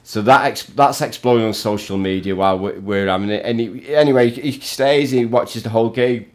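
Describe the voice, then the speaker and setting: A man's voice: mid-range voice, a little fast, a little mellow. A man who plays in a tribute band, telling a rambling, chatty backstage anecdote as a guest and laughing often.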